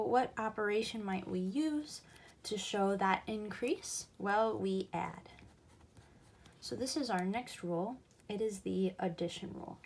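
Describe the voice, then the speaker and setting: A woman's voice: mid-range voice, slight background noise. A woman teaching a recorded math lesson, explaining patiently and going back over each key point.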